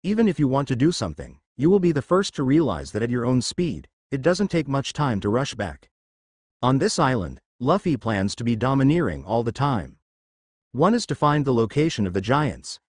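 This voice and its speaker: A man's voice: mid-range voice, darkish tone, no echo, clean studio sound. A man voicing a young carefree pirate captain, speaking in a reassuring, matter-of-fact way.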